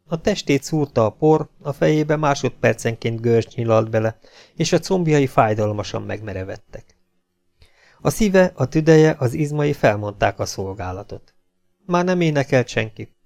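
Man, audiobook narration, gravelly, medium pitch, steady dramatic reading. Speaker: audiobook reader.

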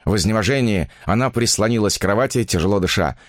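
A man reading a story aloud as narrator in an expressive, dramatic way. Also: lowish voice, fast talker, no room sound, studio quality. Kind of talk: audiobook reading.

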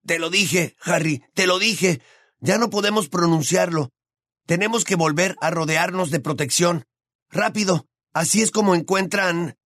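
An earnest, clever teenage girl speaks in a raised, girlish pitch, as a man reads her. She sounds worried and insistent. The audiobook sound is dry and close. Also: unhurried, a bit bright, no room sound. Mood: anxious. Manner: anxious, insistent.

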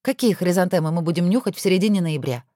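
A woman voicing a lively, witty wife who is an editor, with playful exclamations. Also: lowish voice, fast, no echo, clean studio sound, lightly acted.

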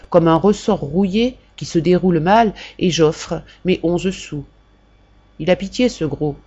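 A woman reading a classic novel aloud for a volunteer audiobook, in a measured, expressive first-person narration. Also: lowish voice, muffled recording.

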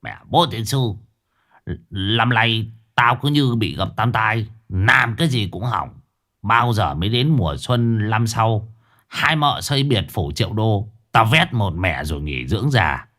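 A man's voice: on the low side, lively intonation, a little slow, a bit bright. A man voicing a boastful, scheming old village con man who squeals and whines when he gets caught. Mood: grumbling. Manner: bragging, then squealing and whining when caught.

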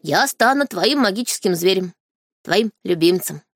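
Audiobook: woman reader as detached male sacred beast in boy form, flat calm delivery, dry close sound. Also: mid-range voice, moderate pace, no room sound. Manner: calm, indifferent, matter-of-fact. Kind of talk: audiobook character reading.

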